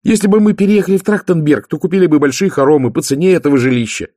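Youngest sister, young woman, restless and eager, high and fast, played by a man. Dry, husky. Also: warm tone, no room sound, natural voice. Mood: restless pleading. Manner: eager, whiny, rushed. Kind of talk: audiobook character voice.

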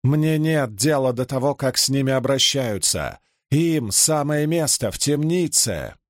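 A man's voice: medium pitch, lively intonation, measured pace, no room sound, clean studio sound, close to an everyday voice. A man voicing a proud, commanding young man who speaks in an imperious, furious way. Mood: shouting. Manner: shouting, imperious.

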